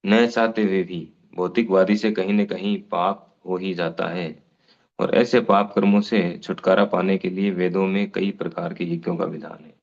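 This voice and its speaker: Low flat-voiced man teaching scripture. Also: dull audio. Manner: unhurried explaining, restates phrases, gives everyday examples. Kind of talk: devotional scripture class.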